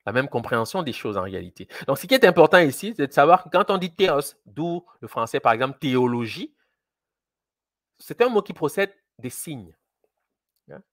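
A man's voice: medium pitch, big pitch swings, normal speed, dry recording, studio quality. A man giving a lecture in a teaching tone, emphatic, repeating key words and often restarting his sentences. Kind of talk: recorded lecture.

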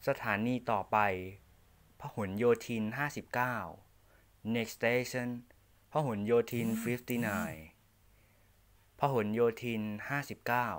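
A man reading formal onboard train announcements, in a measured, deliberate delivery. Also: fairly low pitch, fairly bright tone. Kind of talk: prerecorded bilingual train announcements.

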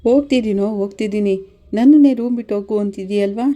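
A bitter, scheming mother-in-law full of accusation and self-pity, put on by a woman reading a serial recap. The voice is dark and mellow, with no strong change from a plain reading. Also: mid-range voice, quick pace, natural voice. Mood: indignant.

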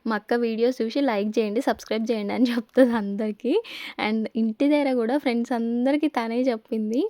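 A woman's voice: on the high side, fairly even intonation, fast, dark tone, no echo, clean studio sound. A young woman with a Telangana Telugu accent, narrating a family vlog in a chatty, storytelling way. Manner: chatty, storytelling with quoted asides. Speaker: family vlogger.

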